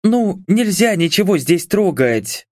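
A tense, snappish young woman lawyer, put on by a man reading an audiobook, her voice pushed well up into a higher register. She complains sharply and curses when rattled. The sound is dry and close. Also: sing-song, a little slow, no echo. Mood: scolding. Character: irritable blonde young woman lawyer, nervous.

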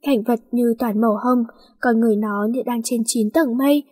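Role: narrator. Sex: woman. Style: storybook reading, steady and flowing. Sound: fairly high, husky, dry. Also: normal speed, no room sound.

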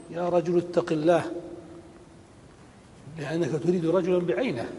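A man teaching a grammar lesson, slow and deliberate, repeating each rule and giving spoken examples. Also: mellow. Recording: long hall reverb with faint rumble.

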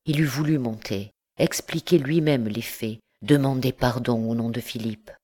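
A woman narrating a classic novel as an audiobook in a measured, expressive reading. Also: very deep voice. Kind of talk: scripted narration.

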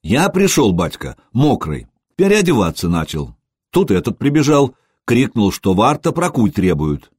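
A man's voice: on the low side, wildly swooping pitch, measured pace, darkish tone, husky, no echo, clean studio sound, heavily acted. A man voicing a young soldier who reports plainly to his chief. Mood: matter-of-fact.

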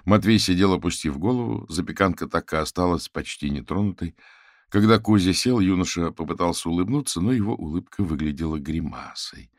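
A man narrates a novel in a steady storytelling voice. His tone is very low and deep. The recording is close and dry, with no room sound. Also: brisk, no echo. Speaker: audiobook reader. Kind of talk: scripted narration.

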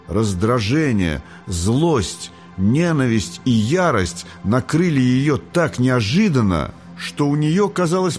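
A man reading an audiobook in a measured storytelling manner. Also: mid-range voice, a little mellow. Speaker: audiobook narrator. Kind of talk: scripted narration.

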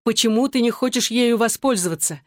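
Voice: medium pitch, a little fast, dry recording, studio quality, pitched above the performer's own voice, close to an everyday voice. An audiobook reader voicing a desperate mother trying to make peace, pleading and crying out between husband and son. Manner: pleading, cries out. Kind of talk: audiobook reading.

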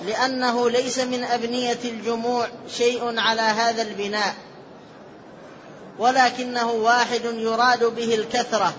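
A man with a very high voice reads a classical text aloud in a lesson, measured and formal, carefully marking each vowel. His delivery stays flat and even throughout. The recording is muffled and lo-fi under a light hiss. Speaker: student reading the text aloud. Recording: dull lo-fi with faint hiss.

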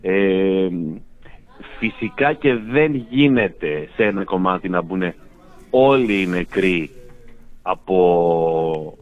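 Brief: low-pitched male phone-in guest, dry teasing wit, tinny phone line. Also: lively intonation. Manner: dry, mock-self-important joking. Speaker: phone-in guest, radio station director. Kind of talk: casual phone chat.

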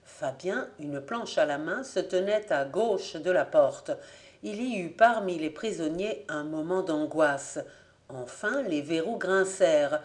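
A woman narrating an audiobook in a measured, clear storytelling manner. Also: sits low, animated, darkish tone. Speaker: audiobook reader. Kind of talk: scripted narration.

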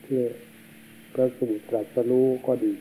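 A man, a monk, giving a slow and solemn sermon, heard on an old worn tape. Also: mellow, a little hiss or hum, rough recording. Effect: old worn tape recording.

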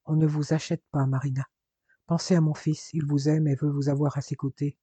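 A man's voice: on the high side, flat delivery, a little fast, dark tone, husky, no echo. A man reading aloud voices a protective older father who speaks formally and reassures firmly. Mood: firm, reassuring.

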